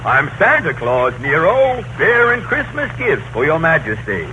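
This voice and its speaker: An actor playing a grumpy, folksy old Santa Claus in 1930s radio comedy, with rustic, ungrammatical speech. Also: male voice, a little high, wildly swooping pitch, a little slow, muffled recording. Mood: jolly. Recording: noisy 1930s radio broadcast recording.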